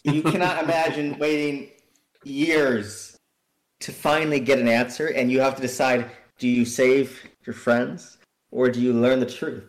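A man's voice: mid-range voice, unhurried. Jokey podcast man in an echoey room. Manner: animated, jokey storyteller. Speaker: podcast co-host and tabletop player. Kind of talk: casual chat.

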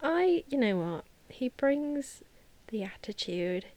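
A woman's voice: high voice, very animated, slow, darkish tone, no room sound. A woman co-hosting a podcast, chatting in a playful, teasing way. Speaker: podcast co-host. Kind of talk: casual chat.

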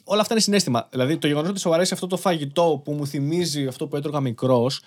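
A young man hosting a casual podcast, relaxed and agreeable, laughing along with his guest. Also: a little high. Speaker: podcast host.

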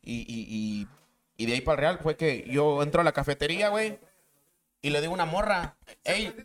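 Fast-talking man telling stories. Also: on the high side. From Mexico. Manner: slangy, animated storyteller acting out voices. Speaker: interview guest. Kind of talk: casual storytelling.

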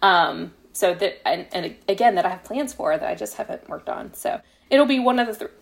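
With lively intonation, a mid-range pitch, normal speed, and some vocal fry, a woman talks casually as a guest author in a podcast interview. Her explanations sound tentative and exploratory, as though she's thinking aloud.

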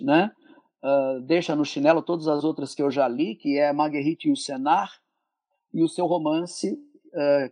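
A man's voice: fairly high pitch, gravelly, darkish tone, no echo. A Brazilian Portuguese-accented man, a historian guest on a podcast interview, talking enthusiastically with many asides, restarts and tag questions. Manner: enthusiastic, digressive, frequent "né" tags and restarts.

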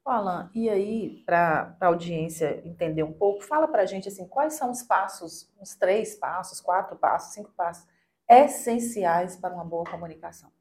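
A woman with a somewhat low voice who hosts a casual interview. She draws her guest out with encouraging prompts and quick affirmations. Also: a little mellow. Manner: encouraging, frequent short affirmations.

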